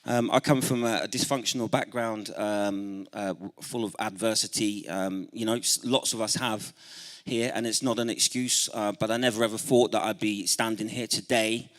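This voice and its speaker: A man's voice: on the low side, fairly even intonation, moderate pace. A man who works as a youth mentor and spoken word artist, giving a speech at a celebration event with a rhythmic, spoken-word delivery and calls for the audience to join in. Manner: rousing, calls on the audience to respond. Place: church hall event.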